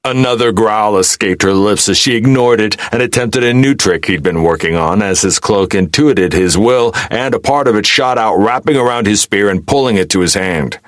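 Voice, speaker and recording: A man reading a post-apocalyptic fantasy audiobook, with a very deep, low voice. He tells the story steadily, with a wry, gruff edge, recorded close on a dry mic. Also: normal speed, hardly any pauses, no echo. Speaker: audiobook narrator. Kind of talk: scripted narration.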